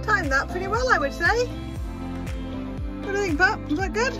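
A woman in her thirties vlogging from inside a motorhome, chatty and excitable, talking to herself and her dog. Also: very high voice, measured pace, music in the background. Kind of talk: casual vlog narration to camera. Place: inside a motorhome, partly while driving.

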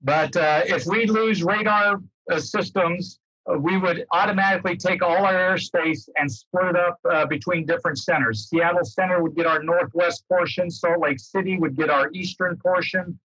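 Over a computer mic on a video call, an older American ex-air traffic controller gives a guest talk, explaining casually and restating his points. His high voice is pushed and bright with a breathy edge, fairly even in intonation and moderate in pace. He is at home in a book-lined room, and the sound is dull, roomy and lo-fi.

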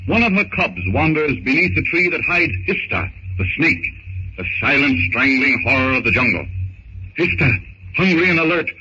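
A man narrates an adventure serial in 1930s radio style, his high, sharp voice theatrical and full of suspense. The early-thirties broadcast is muffled and buried in heavy old-recording noise.

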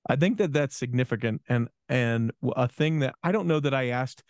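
A man's voice: medium pitch, brisk, no room sound. A man in his forties, a podcast co-host in casual conversation, speaking reflectively with frequent restarts into a studio microphone. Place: small studio room. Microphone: studio microphone with headphones.

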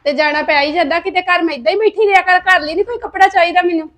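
A worn-out young wife, acted by a woman, answering back quickly in a very high voice. The scene is an amateur family web drama. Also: a bit bright. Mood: defensive. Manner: quick, defensive replies. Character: young married woman, tired and defensive.

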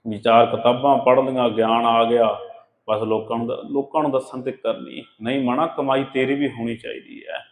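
A man giving a sermon on scripture, asking rhetorical questions and chanting verses slowly. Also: mid-range voice. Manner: addresses listeners as beloved ones, rhetorical questions, chants scripture lines slowly. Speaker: katha preacher. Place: gurdwara hall. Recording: echoey hall with long reverb.

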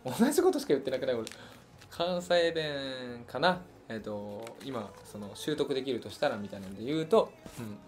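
Chatty singer from Hiroshima, lively pitch. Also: male voice, moderate pace, soft background music. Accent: Hiroshima Japanese. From Hiroshima, Japan. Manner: relaxed and chatty, muses aloud with many fillers. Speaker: singer hosting a fan livestream. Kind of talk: casual chat answering listener questions.

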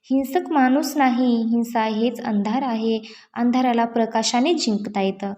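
A serene, compassionate holy man speaks with gentle patience in a storybook tale. A woman reads his words in her own voice, set a little on the high side. Each word comes slow and steady. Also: roomy sound, lightly acted. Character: calm, compassionate male sage. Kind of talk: storybook narration.

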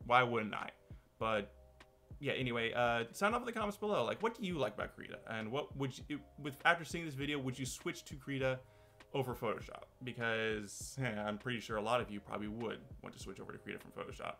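A man's voice: mid-range voice, animated, fast talker, pushed and bright. A man hosting his own channel, talking casually to camera in a loose, rambling way with many restarts. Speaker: channel host. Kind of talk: casual talk-to-camera commentary.

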